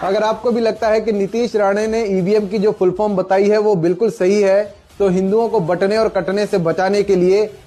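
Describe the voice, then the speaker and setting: Guy reading snarky political voice-over, high-ish mellow voice. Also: little pitch movement, moderate pace, hardly any pauses. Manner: mocking, partisan.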